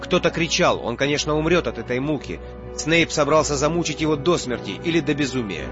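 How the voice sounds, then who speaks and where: A man's voice: on the high side, expressive, fairly quick. A man reading an audiobook as narrator in a tense, dramatic way. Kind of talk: scripted narration. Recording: muffled audio with faint music.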